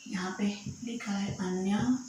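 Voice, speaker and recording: A woman's voice: mid-range voice, steady tone, slow pace, dark tone. Patient woman teacher in an echoey room. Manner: patient, explanatory, checks in with "is it clear". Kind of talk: classroom grammar lesson. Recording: very echoey room with faint noise.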